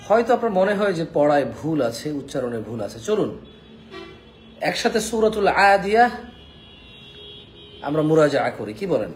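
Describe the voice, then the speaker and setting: A man teaching Quran pronunciation in a live online lesson, coaxing viewers to repeat each letter after him and checking in often. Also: high-pitched. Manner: repeats Arabic letters slowly, checks in with "কেমন?".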